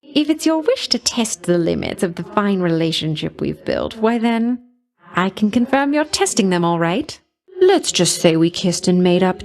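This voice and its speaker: This is a video game performance: a woman gives voice to a vain, flirtatious, jealous love goddess, her tone medium in pitch and a little mellow. Beneath the coy, patronizing pet names lies a quiet threat, delivered with jealousy and menace.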